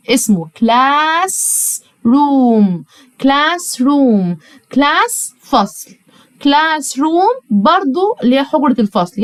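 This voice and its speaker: A woman with an Egyptian accent teaching English to young pupils, talking directly to the child and repeating words slowly, syllable by syllable. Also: fairly high pitch, no room sound, poor audio. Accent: Egyptian Arabic. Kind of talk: online lesson with spelling drills.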